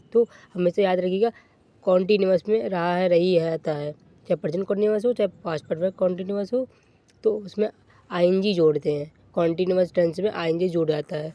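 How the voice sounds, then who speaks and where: A male teacher walks through a grammar lesson, repeating each rule and answering his own questions. His voice is mellow and warm, recorded close and dry with no room sound. He slows almost to dictation speed when reading out example sentences. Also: sits high, no room sound, lo-fi sound.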